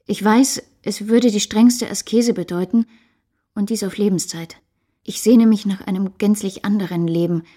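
A woman's voice: mid-range voice, warm tone, close to an everyday voice. An actress playing a passionate young woman writer in a radio play, speaking earnestly, intimately and pleadingly. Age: 20s.

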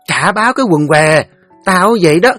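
Brief: male narrator putting on a screeching, cursing village girl, pitched very high, dry studio sound. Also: animated, fairly bright tone, no room sound, faint music behind. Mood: furious. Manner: screeching, cursing, fast threats. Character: foul-mouthed shrill teenage village girl.

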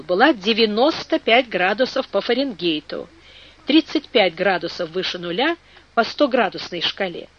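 An audiobook narrator reading a classic adventure novel in measured storytelling narration. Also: mid-range voice, a bit bright, highs cut off, slight background noise.

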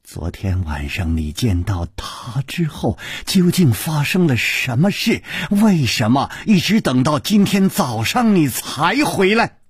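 A man voicing a brooding, jealous woman who speaks in a low, hushed whisper. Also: sing-song, measured pace, hardly any pauses, husky, no room sound, clean studio sound, heavily acted. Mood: tense.

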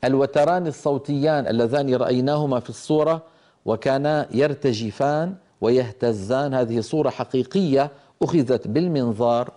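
Mellow-voiced man teaching phonetics slowly. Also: medium pitch. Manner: slow, explanatory, with hesitant restarts and demonstrated sounds. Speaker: Quran recitation teacher. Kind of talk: lecture on tajweed phonetics.

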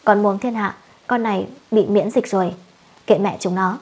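A woman voicing a sharp-tongued young village wife who scolds and curses shrilly, in a storybook reading. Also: medium pitch, steady tone, normal speed, breathy edge, lightly acted. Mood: furious.

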